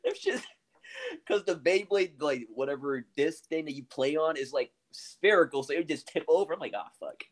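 A man's voice: fairly high pitch, moderate pace. A young man on a podcast, telling wry stories from his childhood and swearing casually. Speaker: podcast co-host. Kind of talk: casual chat.

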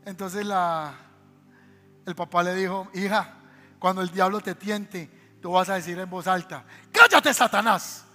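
Colombian male pastor, very high bright voice, fervent sermon with shouted calls and amens, hall reverb and soft music behind. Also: level tone, measured pace, long pauses. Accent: Colombian Spanish. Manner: preaching with sudden shouted exhortations; addresses the congregation directly, asking for amens.

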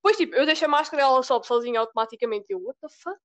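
A teenage girl from Portugal with a European Portuguese accent, chatting casually and telling stories with lively mimicry. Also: high-pitched, racing. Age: teens. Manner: animated storytelling, mimics voices in quotes. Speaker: student. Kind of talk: casual chat.

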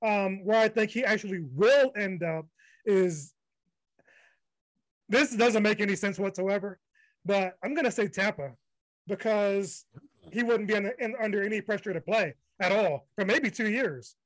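A man's voice: sits high, unhurried, dry recording, rough recording. A man hosting a sports podcast, talking bluntly and dismissively in casual chat and steering the segments. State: low energy from fasting. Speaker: podcast host.

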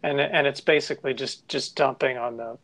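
Casting note: male co-host, mid-pitched, chatty and halting, lots of restarts. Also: steady tone, a bit bright, rough recording. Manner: halting, many restarts and fillers. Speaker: podcast co-host. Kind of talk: casual discussion.

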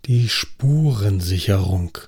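A man's voice: fairly low pitch, expressive, slow, a little mellow, breathy edge, voice pushed down, full character voice. A man voicing a skeptical, experienced police inspector with a dry delivery. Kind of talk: audiobook acting.

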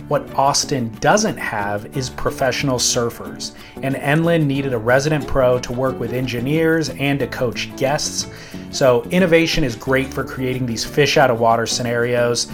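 A man's voice: medium pitch, normal speed. Male narrator over guitar music. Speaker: host and narrator. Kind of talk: scripted narration. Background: plucked guitar music.

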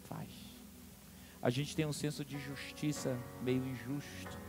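Fervent pastor with a gravelly voice. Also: male voice, mid-range voice, level tone, slow, music in the background. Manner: fervent, dramatic storytelling, calls out to the congregation. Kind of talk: sermon.

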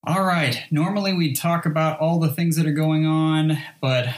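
A man's voice: a little high, fairly even intonation, moderate pace. A man hosting a casual podcast, rambling a little, tripping over his words and joking at his own expense. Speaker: podcast host.

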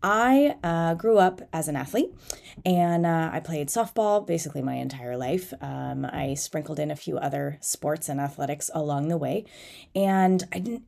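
Stuffed up with a head cold, a thirtysomething woman hosts her podcast alone and coaches fitness, speaking with informal, self-deprecating candor. Her voice sits low and sounds creaky, a little mellow, nasal and congested, animated and moderately paced.

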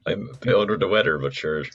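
A man's voice: low voice, expressive, fairly quick, fairly bright tone, slightly rough. A man from Dublin with an Irish accent, chatting casually as a musician guest over a dull, lo-fi call. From Dublin, Ireland. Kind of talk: casual group chat.

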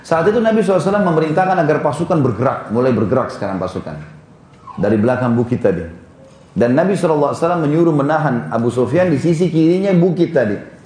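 A man gives a relaxed storytelling lecture as a preacher, sketching places on a board and pausing to fix his own slips. His voice sits somewhat high for a man. The room carries a noticeable echo. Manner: casual, explains with a drawing, corrects himself. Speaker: Islamic preacher.

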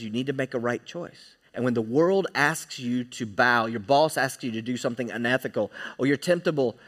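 A man preaching a sermon in church, emphatic and often checking in with his listeners. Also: mid-range voice. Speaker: pastor.

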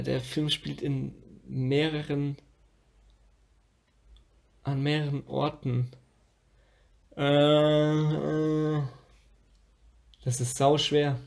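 A young man playing a guessing game, excitable and slangy, exclaiming a lot. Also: a little high, drawn-out words, vocal fry, pauses often. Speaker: guessing player. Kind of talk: casual chat.

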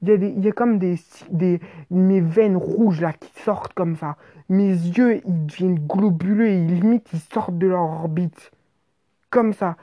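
A woman's voice: fairly low pitch, normal speed, highs cut off. Woman telling a wild comic story. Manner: animated, exaggerated, slangy with swearing.

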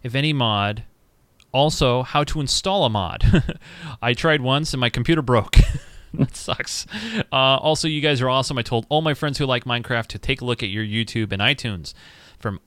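A man's voice: mid-range voice, moderate pace, fairly bright tone, clean tone, no room sound. A man co-hosting a casual podcast, reading listener emails in an upbeat way and handing the next one over to his partner. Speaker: podcast co-host.

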